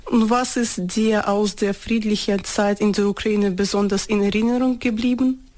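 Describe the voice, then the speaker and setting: A woman interviewer asking her guest questions in a calm, steady way. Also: mid-range voice, moderate pace.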